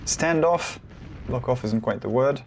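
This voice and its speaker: A man's voice: mid-range voice, expressive, a little slow, creaky. A man giving casual solo commentary on a competitive video game match, rambling with self-deprecating asides.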